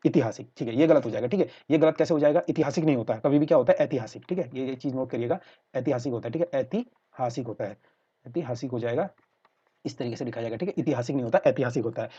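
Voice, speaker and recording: A man's voice: mid-range voice, fast talker, mellow, slightly rough, dull audio. A man teaching an online exam-prep lesson, explaining step by step and checking in with his students again and again. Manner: explains repetitively, checks in with "theek hai" often.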